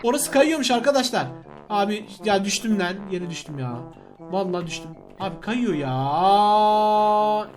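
A young man commentating his mobile game live, animated and loud, chanting repeated words and yelling at other players. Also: sits high, normal speed, faint music behind. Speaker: gaming channel host.

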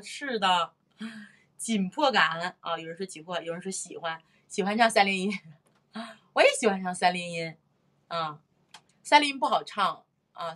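A middle-aged woman vocal teacher giving a live-streamed singing lesson, repeating phrases and sounding out rhythms. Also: mid-range voice. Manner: lively, repeats phrases, sings and claps out rhythms.

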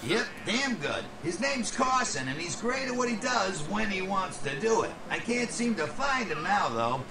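A man's voice: high voice, big pitch swings, normal speed, noisy background. A man voicing a shifty, chatty middle-aged video game character in a casual, folksy way. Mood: grumbling, annoyed. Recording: echoey, distant, music behind.

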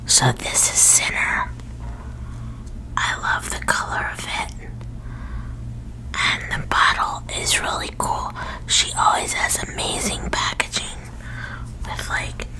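A woman in her thirties whispering ASMR very close to a microphone, in short, halting phrases as she presents things. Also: low-quality recording. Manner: whispering, unvoiced, breathy. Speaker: ASMR video creator showing a perfume collection. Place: small indoor room at a desk. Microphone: large desktop USB microphone, very close.

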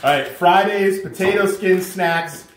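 A man hosting a casual snack review at home, playful and quick to laugh. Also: sits high, a crowd in the background. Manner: playful, animated, laughs often. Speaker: host of a snack review show. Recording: roomy echo.

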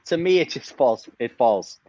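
A man's voice: medium pitch, animated, moderate pace, a little mellow, no room sound, lo-fi sound. A man in his forties, a musician guest, talking reflectively in a casual podcast conversation and circling back with frequent restarts. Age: 40s.

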